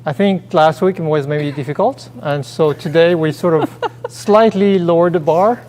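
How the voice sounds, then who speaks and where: A man's voice: a little high, measured pace, darkish tone, slight background noise. A man co-hosting a casual chat show, hesitant and full of fillers and restarts. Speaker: co-host. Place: theater stage. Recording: long reverb of a theater hall.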